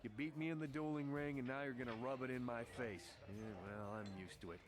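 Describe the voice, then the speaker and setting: An actor playing a bitter, defeated duelist in a video game, grumbling with sarcastic resignation. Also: male voice, medium pitch, steady tone, fast, natural voice. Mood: sulky, resigned. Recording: game music clearly behind.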